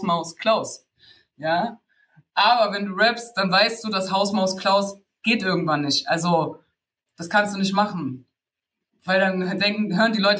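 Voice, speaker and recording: A man teaching rap technique in a relaxed, slangy spoken lesson, full of fillers and restarts. His voice sits high and sounds bright and forward. He keeps it informal and chatty. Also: a little hiss or hum. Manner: loose, slangy, laughs between points, many fillers.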